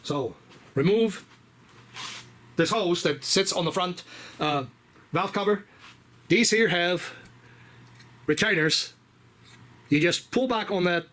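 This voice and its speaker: Mechanic, man, higher-than-usual voice, easygoing rambling shop talk, faint shop noise. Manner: relaxed, rambling, many fillers and restarts. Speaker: auto mechanic. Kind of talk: casual how-to repair walkthrough. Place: auto repair shop. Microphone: camera on a tripod.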